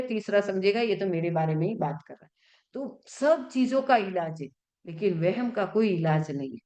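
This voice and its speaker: Woman teaching slow careful pronunciation. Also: mid-range voice, darkish tone. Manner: asks the class questions, then answers them herself; stretches words slowly when showing pronunciation. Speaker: Jain nun teaching Sanskrit and Prakrit. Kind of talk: online religious class.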